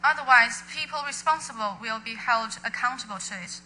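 Bright woman interpreter's translation voice-over. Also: fairly high pitch, rough recording. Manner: measured and formal, in short phrases. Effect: translation voice-over for an official. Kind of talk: interpreting at a news conference.

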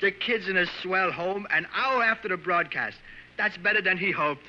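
Sharp-voiced New sidekick. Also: male voice, sits high, moderate pace. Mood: pleased. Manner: folksy, hesitant, ungrammatical. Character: genial, simple, loyal male sidekick of a boss. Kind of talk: old-time American radio drama acting. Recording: muffled old recording, faint noise.

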